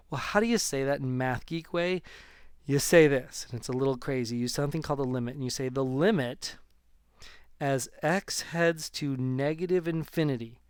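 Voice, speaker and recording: Male math teacher, recorded video lesson; smooth, resonant voice, dry close sound, casual jokey delivery with bursts of speed. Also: mid-range voice, dry recording. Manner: chatty, jokey, talks straight to students.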